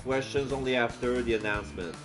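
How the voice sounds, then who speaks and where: A man's voice: medium pitch, a little fast, faint music behind, lightly acted. A man voicing a strict female talent manager with a firm, officious manner, reading visual novel dialogue. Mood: stern.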